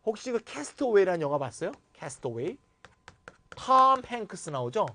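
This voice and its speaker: A man giving a grammar lecture. He is playful and animated, switches between formal and blunt casual speech, and acts out sample replies. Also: sits high, normal speed.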